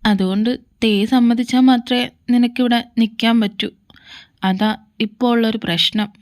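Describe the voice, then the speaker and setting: A patient young man talks his friend down in a soothing, reasoning way, as a woman voices him. The tone is mellow and fairly high. This is a homemade fan audio drama. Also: fairly even intonation, normal speed, natural voice. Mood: calm.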